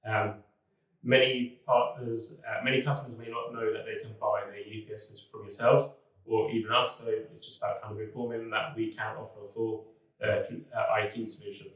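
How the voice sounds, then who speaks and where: A man, a business development manager, speaking in a relaxed, conversational way in a corporate talking-head video. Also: fairly low pitch, a little fast. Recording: very echoey room, mic far off.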